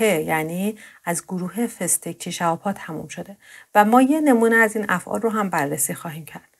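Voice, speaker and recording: Woman patiently teaching grammar drills. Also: mid-range voice. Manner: clear, patient explanation, slows down to drill verb forms. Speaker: Turkish language teacher. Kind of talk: grammar lesson narration.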